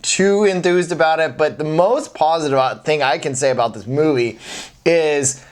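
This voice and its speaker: Higher-voiced man chatting through a review. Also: normal speed. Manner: conversational, hedging opinions. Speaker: film review show co-host. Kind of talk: casual film review chat.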